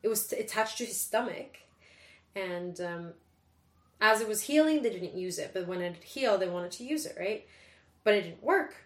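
A woman's voice: medium pitch, animated, normal speed. A young woman, talking candidly and casually as a podcast guest. She swears freely and laughs as she speaks. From Sweden. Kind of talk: casual conversation. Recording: echoey room.

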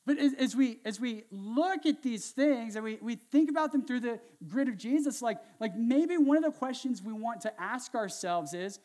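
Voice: medium pitch, a little mellow. A pastor giving a casual, conversational sermon, asking the congregation questions and adding sarcastic, self-mocking asides.

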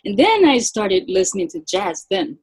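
A woman with a Japanese accent talks through her story as an interview guest, pausing often on fillers. Her voice sits at a middle pitch for a woman. The recording is dry, with no room sound. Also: big pitch swings, husky, dry recording, poor audio. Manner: soft-spoken, halting with many fillers. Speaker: guest violinist. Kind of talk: casual interview chat.

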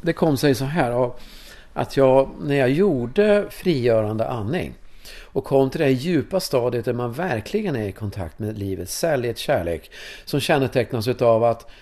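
A man in his fifties from Sweden, a course leader telling personal stories in an interview in a casual, animated way. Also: mid-range voice. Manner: animated, casual, swears, tag questions. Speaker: course leader in sexuality and breathwork.

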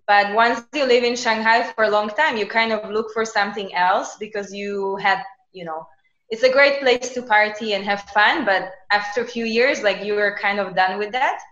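A woman in her thirties from Slovakia, speaking English as a podcast guest, lively and chatty with many casual fillers. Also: medium pitch, normal speed. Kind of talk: casual interview chat. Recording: echoey, dull lo-fi remote recording.

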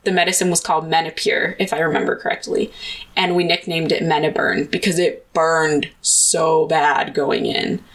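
A woman's voice: low voice, flat delivery, moderate pace, rough recording. A woman podcast host telling her own personal story in an earnest, confessional monologue.

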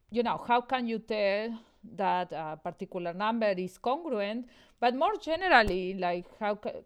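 A woman from Argentina, a math professor, explaining a problem as a podcast guest, halting with fillers. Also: medium pitch, clear, resonant tone. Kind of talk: podcast interview.

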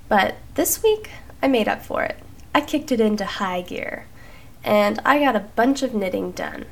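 A woman hosting a podcast, chatting casually and warmly thanking listeners, her voice nasal because she has been sick. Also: mid-range voice, vocal fry. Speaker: podcast host. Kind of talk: casual chat.

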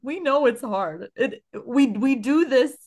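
A woman co-hosting a parenting podcast in casual, animated conversation, often laughing and thinking aloud with fillers. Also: sits high, slow pace, crowd noise.

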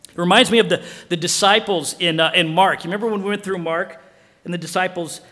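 A man preaching a sermon as pastor in an animated way, acting out dialogue. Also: sits high, quick pace, in a large hall.

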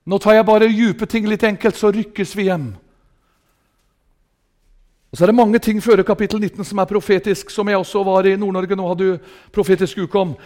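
A man with an Østfold Norwegian accent preaching a revival sermon in a meeting hall, fervent and shouting hallelujahs, swinging between loud outbursts and soft asides. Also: high voice. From southern Norway.

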